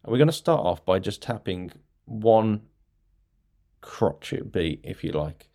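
Guy, music teacher vibe, lowish voice, chatty and explainy. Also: very animated, normal speed, warm tone. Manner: chatty, explanatory, claps and taps examples. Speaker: music teacher, podcast host. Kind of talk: casual teaching talk.

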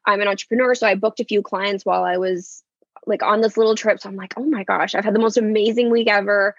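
A woman's voice: mid-range voice, fairly even intonation, fast talker, no room sound. A woman joins a podcast by video call and tells her story in a chatty way, full of fillers. The audio is dull and lo-fi. It is dry, with no room sound. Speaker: podcast guest. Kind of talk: casual storytelling.

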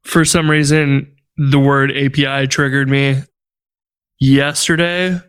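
Smooth-voiced man, animated podcast co-host. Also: medium pitch, slow pace. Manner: animated, exasperated storytelling. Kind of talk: casual tech chat.

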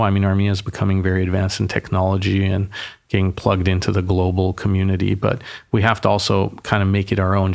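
A man being interviewed, talking with open enthusiasm and going into long explanations. His voice is gravelly and fairly low, with a relaxed, conversational flow. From grew up in Boston and Yerevan. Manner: passionate, talkative, explains at length. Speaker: mayor, interview guest.

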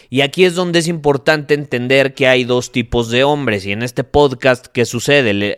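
A man's voice: medium pitch, fairly bright tone, clear, resonant tone. A man hosting a podcast, giving an emphatic, preachy motivational monologue and talking straight to the listener. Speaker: podcast host.

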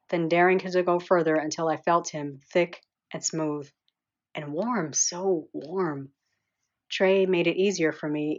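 Low-voiced woman narrating an audiobook. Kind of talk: first-person audiobook narration. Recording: slightly dull lo-fi sound.

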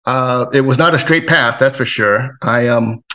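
A man's voice: medium pitch, measured pace. A middle-aged man from Hawaii speaks as a podcast guest. His voice sits in an ordinary middle range. He tells his story casually, wandering through it with fillers and small chuckles. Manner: relaxed, rambling, with frequent fillers and chuckles. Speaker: guest, self-defense trainer.

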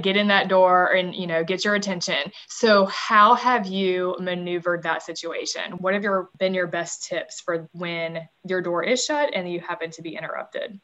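A woman hosts a parenting podcast in a mid-range voice over dull audio. She is a warm interviewer who keeps affirming her guest and uses a lot of fillers in the casual talk.

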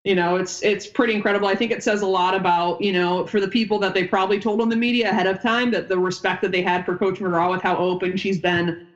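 A former basketball player and coach in her thirties, who grew up in upstate New York, United States, rambles chattily as a guest on a casual podcast interview, wandering off mid-sentence. Her medium-pitched voice has fairly even intonation and a fast pace. The recording is muffled.

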